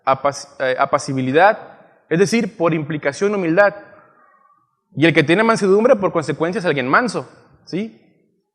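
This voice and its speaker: A male preacher teaching a sermon, often pausing to ask his listeners "yes?" as he checks they follow. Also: high-pitched. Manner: teaching, asks frequent "¿sí?" checks. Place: church hall. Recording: long church hall reverb.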